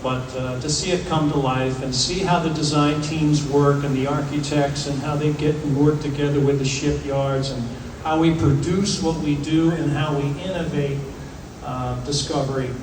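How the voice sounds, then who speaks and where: A man speaking as a ship's captain, answering audience questions informally, in a conversational way with deliberate pauses. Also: fairly high pitch, fairly even intonation. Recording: echoey venue, distant, clearly noisy ambience.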